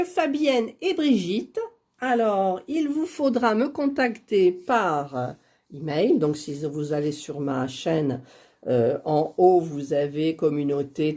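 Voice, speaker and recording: A woman's voice: lowish voice, lively intonation, slow pace, mellow. A woman chatting casually while drawing giveaway winners on a computer, laughing at her own fumbling. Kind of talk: casual screen-recorded vlog.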